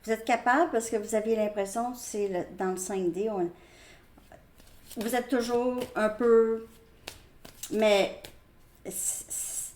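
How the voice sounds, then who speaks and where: A woman's voice: on the high side, takes it slowly, pauses often, a little mellow, roomy sound. A woman with a Québécois French accent giving a casual tarot reading. She talks to her viewers in a chatty way and repeats herself. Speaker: tarot reader.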